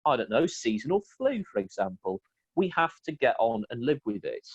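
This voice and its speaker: A man's voice: medium pitch, big pitch swings, moderate pace, breathy edge, dry recording, highs cut off. A British man in his early twenties, co-hosting a casual chat on a video call, opinionated and emphatic, often repeating himself. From Britain. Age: early 20s. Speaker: podcast co-host.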